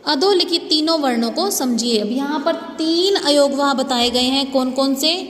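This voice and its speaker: A woman school teacher giving a slow, patient grammar lesson to young students, often checking that they follow. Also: high voice. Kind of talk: online class lesson. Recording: echoey room with faint ambience.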